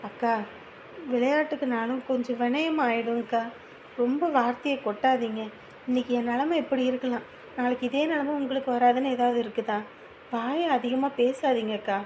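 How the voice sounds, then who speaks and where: A woman's voice: on the high side, fairly even intonation, moderate pace, darkish tone, slight background noise, close to an everyday voice, rough recording. An actress playing a shunned woman, speaking in a hurt, pleading and defensive way. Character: shunned woman, ashamed and wounded. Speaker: estranged sister of the host family. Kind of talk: village family drama acting.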